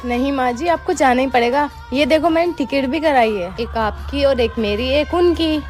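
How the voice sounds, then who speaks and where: A woman's voice: high-pitched, normal speed, darkish tone, soft background music. A woman acting a cheerful, teasing daughter-in-law in a scripted family drama.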